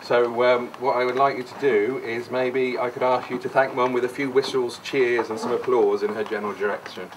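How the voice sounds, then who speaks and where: A man's voice: mid-range voice, flat delivery, a little fast, hardly any pauses. Englishman giving a rambling, jokey best man speech, noisy recording. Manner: jokey, digressive, mock-sincere. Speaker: wedding speaker, brother of the bride. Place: wedding reception room. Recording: noisy distant live room recording.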